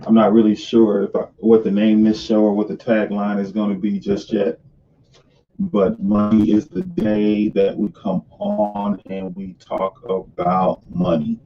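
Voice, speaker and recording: A man's voice: fairly low pitch, expressive, a little slow, slight background noise. A man hosting a casual live stream from his home sunroom office. He talks loosely and restarts his sentences, and his voice is picked up by the camera on his screen, so it sounds hollow, like a cave. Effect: hollow, cave-like echo. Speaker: host of a live money stream. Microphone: camera on top of the computer screen. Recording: distant, dull webcam-mic sound in a hollow room.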